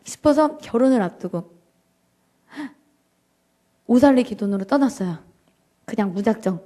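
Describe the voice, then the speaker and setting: A woman giving an emotional, animated church testimony to a congregation, acting out her prayers and joking with the audience. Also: a little high, normal speed. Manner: addresses the audience directly and jokingly. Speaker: guest speaker giving a personal testimony.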